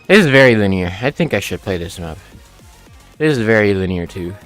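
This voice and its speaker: A man's voice: on the low side, animated, a little fast, fairly bright tone. A young man streaming a rhythm game, casually joking and thinking aloud as he plays. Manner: offhand, joking, thinking aloud while playing. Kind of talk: casual live-stream commentary. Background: game music.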